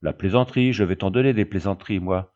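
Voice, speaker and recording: Brief: male reader voicing a hot-tempered, drunk captain; low, threatening storybook voice, muffled audio. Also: fast talker, darkish tone, natural voice. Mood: furious. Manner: blustering, threatening. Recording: dull lo-fi recording.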